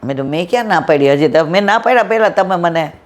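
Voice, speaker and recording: A woman's voice: fairly low pitch, lively intonation, fast talker. A woman giving a devotional satsang talk, telling stories conversationally and acting out the dialogue. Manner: conversational, acts out quoted dialogue. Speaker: satsang speaker. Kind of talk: devotional discourse with storytelling.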